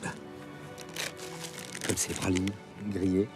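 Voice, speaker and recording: An actor playing a mischievous middle-aged union delegate in a film comedy, rambling and grumbling with self-importance. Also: male voice, low voice, flat delivery, slow pace, over music.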